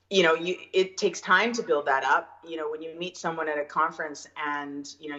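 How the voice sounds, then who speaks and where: Low-voiced Canadian woman, chatty guest. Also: sharp tone, lo-fi sound. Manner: chatty, laughs easily, many fillers. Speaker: guest realtor. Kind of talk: casual interview.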